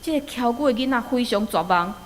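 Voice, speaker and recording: A woman preacher with a Taiwanese accent delivers a sermon in a fairly high voice. She moves between storytelling and exhortation, often posing rhetorical questions. Her words ring out with the long reverberation of a hall. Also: expressive, brisk, slight background noise.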